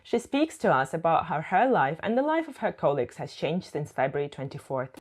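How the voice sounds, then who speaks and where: A woman's voice: deep voice, big pitch swings, a little fast, husky. A woman reads scripted news narration, introducing speakers as a presenter.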